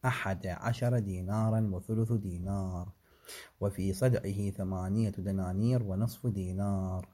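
A man gives a seminary-style lesson on religious law. He recites each figure in a measured, deliberate way and stops now and then to explain or correct himself. His voice sits low and has a warm, dark tone. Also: husky. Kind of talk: seminary lecture, reading and explaining a text.

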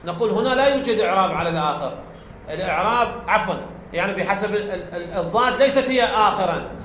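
High, bright-voiced man teaching grammar. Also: expressive, quick pace. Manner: explains step by step, asks the class questions and answers them himself. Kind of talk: classroom lecture. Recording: echoey room, faint background noise.

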